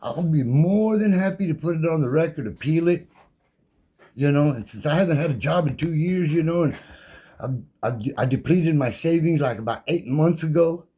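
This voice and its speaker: A combative man talks on in a loose, profane rant, daring anyone to challenge him. His voice is somewhat husky and sits a bit high for a man. His pitch jumps around a great deal as he repeats himself and reels off legal codes. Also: lively intonation, normal speed, dark tone. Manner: combative, defiant, rattles off legal code numbers; loose, repetitive, slangy and profane. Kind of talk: impassioned monologue rant.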